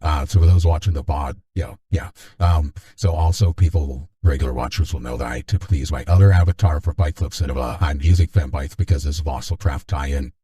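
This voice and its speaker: Male stream host, voice-changed extremely deep, mellow, loose and rambling. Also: brisk, few pauses. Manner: rambling, joking, many restarts. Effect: deepened voice changer. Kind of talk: casual stream chat.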